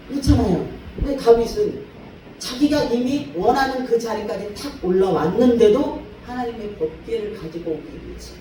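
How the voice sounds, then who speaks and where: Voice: mid-range voice, distant mic, background noise. Preacher in a very echoey church hall. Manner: lively storytelling, acts out quotes, laughs often. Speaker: guest revival preacher, pastor. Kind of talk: revival sermon. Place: church sanctuary.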